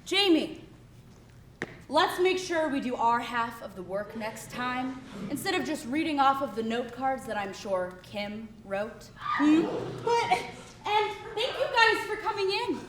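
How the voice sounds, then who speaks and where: Woman playing a loud teasing teacher. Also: high voice, sing-song, unhurried. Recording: roomy, distant, noisy.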